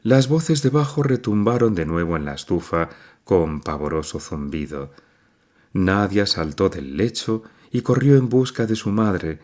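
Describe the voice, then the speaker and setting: Low-voiced, expressive male audiobook narrator. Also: a little slow. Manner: expressive, dramatic reading.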